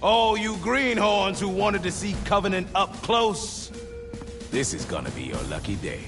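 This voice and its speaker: A man's voice: high-pitched, sing-song, a little slow, over music, exaggerated voice. A man playing a brash, swaggering marine sergeant who barks orders at his troops in a video game. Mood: fierce, swaggering. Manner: barking, swaggering military commands. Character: brash, foul-tempered marine drill sergeant rallying troops. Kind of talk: video game battle dialogue.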